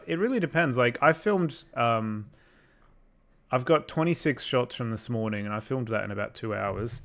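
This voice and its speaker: A young Australian man chatting casually on a livestream while he works on effects, rambling and thinking out loud as he answers chat. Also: fairly low pitch. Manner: rambling, thinks aloud, reads out chat questions. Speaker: livestreamer making visual effects.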